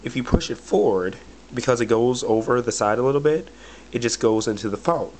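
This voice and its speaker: A man with a bad cold and a slightly cracky voice casually reviews a product at a brisk pace. His medium-pitched voice is lively in intonation and a little mellow, with a little hiss or hum in the audio. He rambles with plenty of fillers like "but anyway" and "or whatever."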